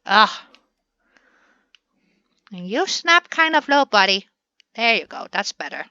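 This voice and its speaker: A woman's voice: mid-range voice, very animated, slow pace, sharp tone, clean tone, dry recording, lo-fi sound. A woman hosting a gaming channel, chatting through a building session in a playful way and talking to the game pieces as she works.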